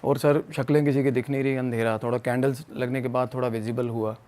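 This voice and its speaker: Podcast guest, young man from Punjab, animated storyteller who voices his friends' lines. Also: mid-range voice, fast talker. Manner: animated, acts out friends' quotes. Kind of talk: casual storytelling chat.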